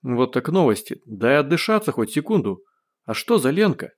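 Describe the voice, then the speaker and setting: A man voicing a brash, cheerful man who has lost his memory, talking loud, cocky and playfully defiant in an audiobook. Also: mid-range voice, sing-song, moderate pace. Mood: bemused. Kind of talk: audiobook character voice.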